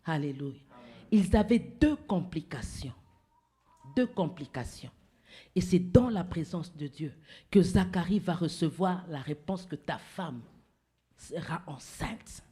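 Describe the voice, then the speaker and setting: A woman pastor preaching a sermon in a church, telling a personal testimony, swinging between loud exclamations and hushed, whispered asides. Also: on the low side, expressive, takes it slowly, husky. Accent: French-speaking Central African.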